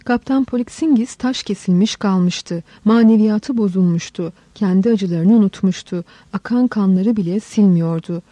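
A woman reads a historical novel aloud in a measured, dramatic way. Her voice is very dark and mellow. The sound is close and dry, with no room around it. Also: mid-range voice, dry recording. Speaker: audiobook narrator. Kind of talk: scripted story narration.

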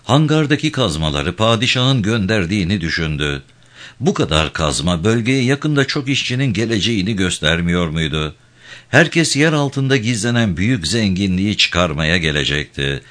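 Deep-voiced male storyteller. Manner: expressive, measured storytelling. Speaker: narrator. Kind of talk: scripted audiobook narration.

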